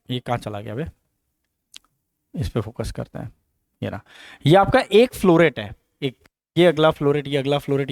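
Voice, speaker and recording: A man teaches biology in a high, lively voice that leaps up and down as he asks and answers his own questions. The sound is close and dry, with no room around it. He drills key terms by repeating them. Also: no echo. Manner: explains with questions and repetitions, Hinglish mix. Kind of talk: exam coaching lecture.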